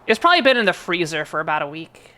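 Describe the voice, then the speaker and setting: A woman's voice: on the low side, very animated, fast talker, pushed and bright. A woman streamer chatting casually with her viewers while playing a game, rambling and answering chat.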